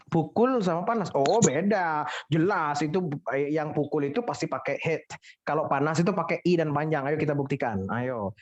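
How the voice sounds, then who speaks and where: A woman teaching English pronunciation to a class, lively and teasing, drilling words over and over. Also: sits low, moderate pace. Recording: dull lo-fi sound.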